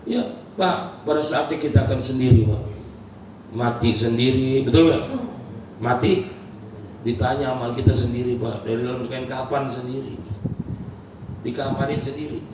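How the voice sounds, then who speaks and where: Echoey, impassioned male preacher. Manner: swings from low murmurs to high shouted cries, addresses the congregation as Pak. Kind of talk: sermon. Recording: echoey hall, picked up from far off, noisy.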